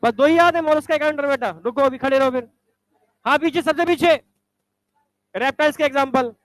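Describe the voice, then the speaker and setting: A male teacher in a classroom quizzes his students, briskly ordering them to stand and recite examples. His voice is very high-pitched, with no echo.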